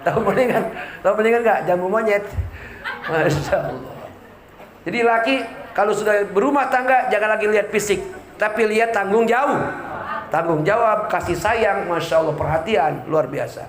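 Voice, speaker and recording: A high-voiced man preaching, joking and playing out little scenes for his listeners. The sound is roomy and echoey, and a crowd laughs and murmurs behind him. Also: brisk. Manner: joking, acts out quoted voices. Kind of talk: humorous sermon. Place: community religious gathering.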